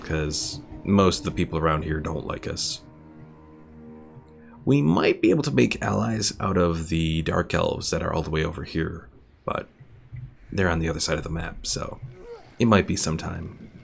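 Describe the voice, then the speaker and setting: A game streamer with a low, gravelly voice plays a strategy game, giving casual live commentary and chatting with viewers. He speaks at a moderate pace, pauses often, and thinks aloud as he goes, with game music in the background.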